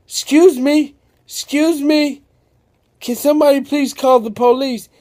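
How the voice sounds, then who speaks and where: A man's voice: on the high side, very slow, dark tone. A man voicing a timid male shopkeeper who is frightened of a giant customer. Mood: panicked. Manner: nervous, wondering.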